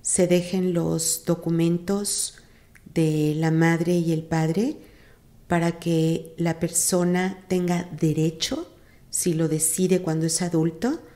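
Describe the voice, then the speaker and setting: A Mexican woman, a psychologist and institute director, giving measured explanations in an interview. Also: on the low side, steady tone, mellow.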